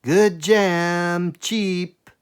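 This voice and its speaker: A man's voice: sits high, fairly even intonation, extremely slow, clear, resonant tone, voice pushed up. A man voicing an old woman street vendor from a storybook with a singsong cry. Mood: singsong hawking.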